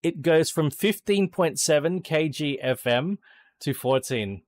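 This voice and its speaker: A man's voice: a little high, expressive, unhurried, no echo, clean studio sound. A man with an Australian accent streaming a racing sim, thinking aloud as he tunes a car and chatting with viewers, swearing now and then. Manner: swears casually. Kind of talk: casual live-stream commentary.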